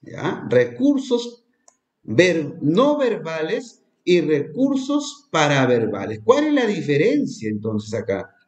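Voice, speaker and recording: A man leading an exam review lesson for teachers, asking questions and slowly repeating the key terms. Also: fairly high pitch, wildly swooping pitch. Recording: echoey room.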